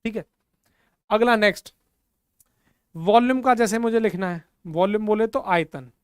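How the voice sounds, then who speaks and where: This is a male physics teacher's board lecture, high-pitched and clean in tone at a normal speed, recorded dry with studio quality. He blends English terms into Hindi and checks understanding often. He also repeats his questions to the class and then answers them himself.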